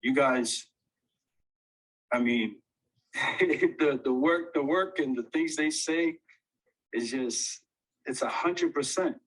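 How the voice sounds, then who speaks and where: A man talking into a phone, out of breath, halting with many fillers and restarts, earnest and eager. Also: medium pitch, a bit bright, low-quality recording. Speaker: audience speaker. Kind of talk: casual chat on an audio call.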